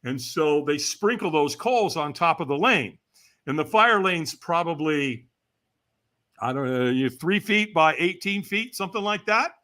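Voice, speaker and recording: A man's voice: on the high side, expressive, unhurried, bright, forceful tone. A man in his sixties from California, a podcast guest telling a story with energy, acting out the voices he quotes and laughing as he goes. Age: 60s. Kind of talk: animated storytelling.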